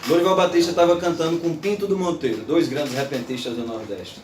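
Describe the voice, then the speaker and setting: A man's voice: fairly high pitch, brisk, reverberant, far from the mic, a little hiss or hum. A man giving an informal, playful lecture to an audience. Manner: animated, playful, recites verse aloud.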